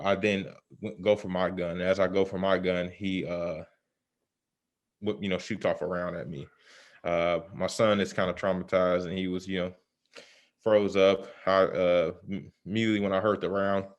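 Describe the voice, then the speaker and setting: A man talking through a mask that muffles him, giving a halting, conversational personal account in an interview. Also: low voice. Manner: halting, pausing often with "you know". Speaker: interview guest, self-defense shooting survivor.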